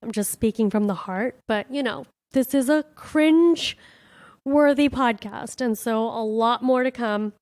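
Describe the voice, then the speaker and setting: A woman's voice: fairly high pitch, a little slow, a little mellow, no echo, studio quality. A woman comedian hosting her own podcast, talking candidly and from the heart in a casual reflective monologue, full of "like" and "you know". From born in India, raised in Miami.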